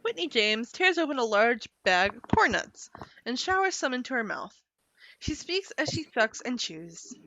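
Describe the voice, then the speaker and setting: A woman narrating stage directions in a table read of a screenplay, with quick lively asides. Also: on the high side, highs cut off.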